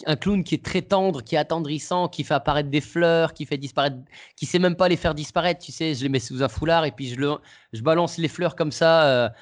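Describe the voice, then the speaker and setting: A man's voice: a little high, a little fast. A man, a comedian guest, casually telling an anecdote in an interview, hesitant and full of restarts. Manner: hesitant, many restarts and fillers.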